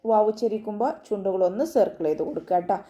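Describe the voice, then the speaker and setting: Speaking quickly in a mellow, mid-range voice over lo-fi sound, a woman teaches Quran recitation online. She patiently walks through pronunciation step by step, often adding tag questions.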